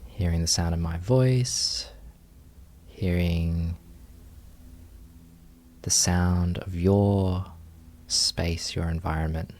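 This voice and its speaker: A man with a deep voice leads a guided meditation as a teacher, speaking gently in short phrases and leaving unhurried pauses.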